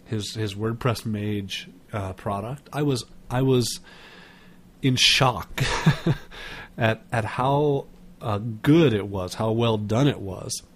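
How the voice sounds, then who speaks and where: A man hosting a webinar while sick, his voice stuffed-up and nasal, talking in a halting way with many restarts. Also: lowish voice, slightly rough. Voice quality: congested, nasal. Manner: halting, repeats words while searching for them. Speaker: webinar host. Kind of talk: casual webinar introduction.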